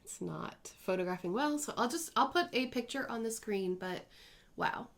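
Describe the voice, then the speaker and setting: Her voice a little high and a bit bright, with vocal fry and lively intonation, a woman in her 30s talks through her cross-stitch projects at home at a moderate pace. It's a casual vlog, rambling and chatty, with small self-corrections.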